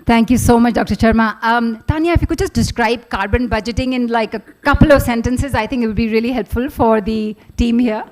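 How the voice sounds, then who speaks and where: A woman's voice: a little high, brisk, hardly any pauses, darkish tone. A woman moderating a conference panel, polite and hesitant with many fillers.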